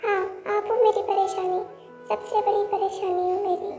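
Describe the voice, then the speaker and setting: A woman voicing an angry young woman who accuses her partner, through a pitched-up voice changer. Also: flat delivery, normal speed. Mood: bitter. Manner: sharp, accusing. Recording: echoey with faint music.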